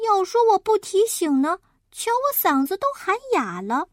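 A woman voicing a noisy, cheeky little boy who talks high, loud and insistent. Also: very animated, normal speed, dry recording, clean studio sound.

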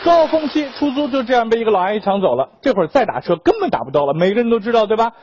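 A young man doing a stand-up comedy monologue, telling an exaggerated story in an animated way. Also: very high voice, racing, dull audio, a little hiss or hum. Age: young adult.

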